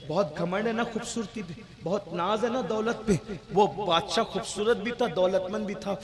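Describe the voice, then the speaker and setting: A male preacher delivering a sermon at a religious gathering, emphatic and exhorting, often rising to shouts. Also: high-pitched.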